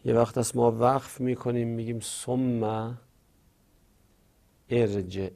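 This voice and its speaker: A man's voice: medium pitch, creaky, dark tone. A man giving a spoken grammar lesson, patiently repeating example words and explaining them step by step. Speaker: teacher.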